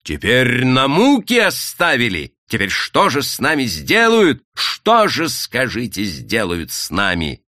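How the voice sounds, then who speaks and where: Man reading as a young woman wronged and despairing, pleading slow, pitch all over, dry sound. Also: huge pitch swings, sharp tone, no room sound, exaggerated voice.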